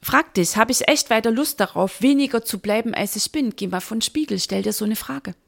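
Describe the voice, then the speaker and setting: Her pitch sits on the high side and she moves fairly quickly as the coach delivers her motivational podcast talk straight to the audience. The husky, creaky voice stays emphatic, pressing on key words to push listeners toward a business mindset.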